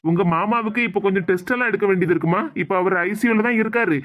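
Someone voicing a brisk, soothing cartoon doctor. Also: medium pitch, dull audio, close to an everyday voice. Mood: calm. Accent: Kanyakumari Tamil. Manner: soothing, explaining. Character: calm reassuring hospital doctor. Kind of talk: animated cartoon comedy dialogue. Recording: hissy home recording.

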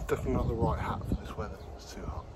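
A man's voice: mid-range voice, very fast. A man in his thirties vlogging casually from an outdoor allotment garden, rambling and joking at himself with plenty of ums. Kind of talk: casual self-deprecating vlog. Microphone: phone camera held close. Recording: outdoor noise behind the voice.

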